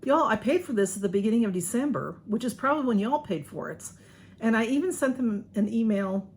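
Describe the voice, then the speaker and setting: A woman's voice: on the high side, a little mellow. An American woman chatting casually to viewers as she unboxes, folksy and rambling, with slightly slurred speech. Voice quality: slightly slurred speech from a sore tongue or mouth. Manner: folksy, rambling, says y'all often. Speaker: vlogger doing a beauty box unboxing. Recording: faint background room noise.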